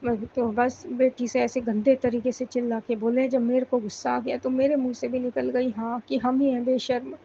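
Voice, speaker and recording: A woman's voice: a little high, level tone, normal speed, creaky, few pauses, dark tone, breathy edge, highs cut off. A woman pleading emotionally in a prayerful monologue to her spiritual guide, repeating thanks and pouring out her troubles. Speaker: devotee sharing a personal prayer. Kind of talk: devotional monologue.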